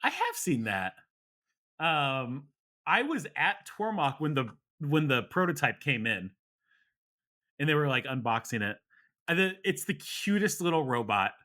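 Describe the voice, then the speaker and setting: A man's voice: fairly high pitch, sing-song, unhurried, bright, forceful tone. A man co-hosting a podcast in casual chat, laid-back, laughing often and trailing off with fillers. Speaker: podcast co-host.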